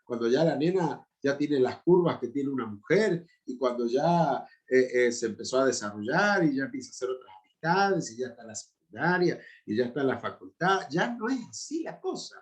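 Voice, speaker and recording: This man in his fifties, a pastor with an Argentine Spanish accent, teaches a Bible class as an informal sermon-style lecture full of personal stories and emphatic, chatty asides. His mid-range voice is sing-song, and he talks at a normal speed with hardly any pauses.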